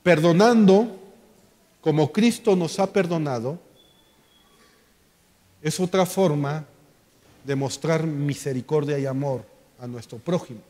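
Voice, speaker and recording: A man preaching a sermon, slow and emphatic, asking the congregation rhetorical questions. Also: on the high side, warm tone. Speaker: pastor. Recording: long church hall reverb.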